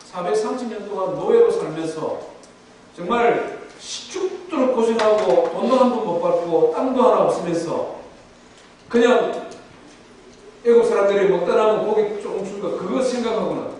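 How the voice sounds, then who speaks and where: A man's voice: high voice, moderate pace, a little mellow. A man preaching a sermon, animatedly acting out the voices of the people he quotes. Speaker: pastor. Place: church sanctuary. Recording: very echoey church hall, distant mic, faint hiss.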